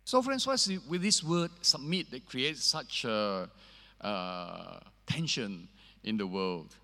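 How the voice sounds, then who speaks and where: A man preaching a sermon as pastor, earnest and measured, pausing on fillers, his voice ringing with a long cathedral-like echo. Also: medium pitch, animated, gravelly, bright, forceful tone. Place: church sanctuary. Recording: echoey church hall reverb.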